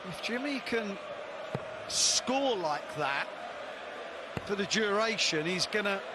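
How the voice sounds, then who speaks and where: High-voiced male darts commentator, loud crowd. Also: lively intonation, takes it slowly. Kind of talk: live sports commentary, conversational analysis. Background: noisy darts crowd.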